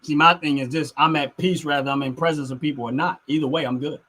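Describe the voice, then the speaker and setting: In a slightly high, pushed and bright voice, a middle-aged streamer talks fast with fairly even intonation. He answers chat casually and opinionatedly, emphatic and prone to repeating phrases to hammer them in.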